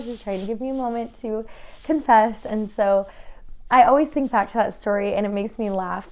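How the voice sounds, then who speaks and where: A woman's voice: mid-range voice, a little mellow. A young adult woman chatting in a bubbly way on her home vlog, sharing faith stories and crafts. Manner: bubbly and chatty, with frequent "like" and laughs. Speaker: vlogger. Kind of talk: casual faith-based vlog chat. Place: new family home.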